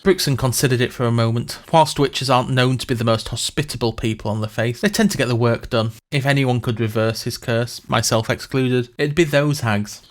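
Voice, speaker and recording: A man's voice: mid-range voice, a little fast, few pauses, natural voice. A man playing a pompous, reluctant mage who narrates a comedic fantasy tourism podcast in a wry, self-satisfied manner.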